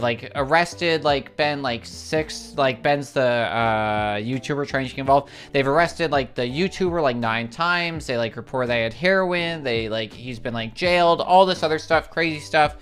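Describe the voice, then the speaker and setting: A livestream host chatting casually and rambling through a long story, with many filler words and repeated exclamations of how crazy it is. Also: medium pitch. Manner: excitable, repeats "it's crazy".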